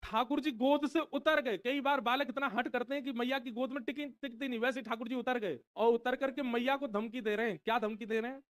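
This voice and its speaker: A male preacher narrates a devotional story. His voice is very high, smooth and resonant. He explains the story to his listeners in an animated way. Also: fairly quick, hardly any pauses, no room sound.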